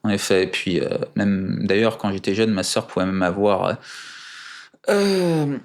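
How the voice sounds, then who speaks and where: A man's voice: fairly low pitch, expressive, measured pace. A man being interviewed in casual chat, speaking in a careful, formal way with many hesitations, precise with numbers and dates. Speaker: guest.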